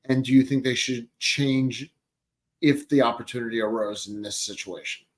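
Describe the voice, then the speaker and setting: A man hosting a casual chat, speaking haltingly and searching for his words. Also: mid-range voice.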